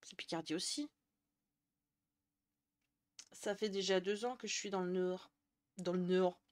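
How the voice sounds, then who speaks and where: A woman's voice: medium pitch, unhurried. A young woman from the Jura chatting casually on a live stream, answering viewers' messages and laughing often. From Jura, France. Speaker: Twitch streamer.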